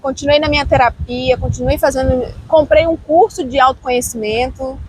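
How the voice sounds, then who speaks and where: A psychologist with a Brazilian Portuguese accent speaks as a guest in a relaxed interview. She has a high voice and tells her own story in an animated, expressive way. A faint background noise sits under her voice. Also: normal speed, poor audio. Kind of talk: casual interview chat, personal storytelling.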